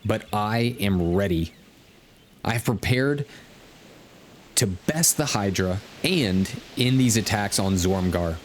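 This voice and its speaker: A man hosts a game livestream with laid-back, casual commentary, his lowish voice moving at a slow pace. He thinks aloud and reads out quest text over game music and slight background noise.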